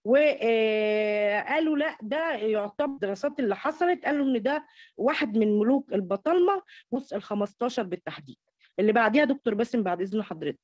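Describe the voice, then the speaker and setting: An Egyptian woman with an Egyptian Arabic accent presents academic slides over an online call, recorded dull and lo-fi with no echo. Her fairly high, expressive voice has a darkish tone, and she speaks quickly, often stumbling over and repeating small words as she explains.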